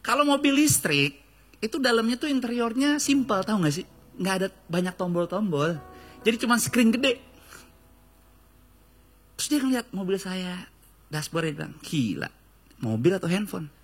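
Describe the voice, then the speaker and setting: High, bright-voiced joking pastor. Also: male voice, moderate pace, long pauses. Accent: Jakarta Indonesian. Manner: lively, joking, acts out quoted voices. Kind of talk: sermon with storytelling. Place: church stage.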